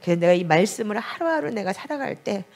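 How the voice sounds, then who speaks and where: A woman's voice: medium pitch, lively intonation, fast talker. A middle-aged woman pastor preaching a sermon and telling a personal testimony with emotion. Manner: emotional storytelling, voice rises when praying aloud. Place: basement prayer room of a small church.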